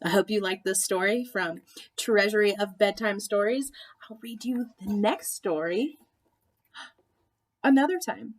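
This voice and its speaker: A woman teacher reading a storybook aloud to children, expressive and gently engaging with her listeners. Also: mid-range voice, a little slow, pauses often, poor audio.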